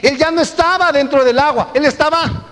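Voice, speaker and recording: A man's voice: extremely high pitch, brisk. A male pastor preaching a sermon, telling stories and drawing the congregation in. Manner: lively storytelling with congregation interaction. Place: church. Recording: echoey church hall.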